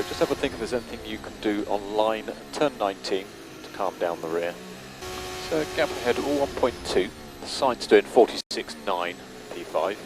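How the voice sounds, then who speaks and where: A man working as a race engineer, giving clipped, matter-of-fact updates over team radio. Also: on the low side. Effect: team radio transmission. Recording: noisy team radio with car noise.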